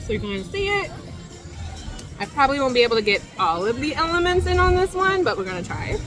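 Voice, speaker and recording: Casual woman travel vlogger, higher register, food review chatter outdoors with faint music. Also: big pitch swings, fast talker. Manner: chatty, talks while eating, laughs often. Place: outdoors at a cruise line's island stop.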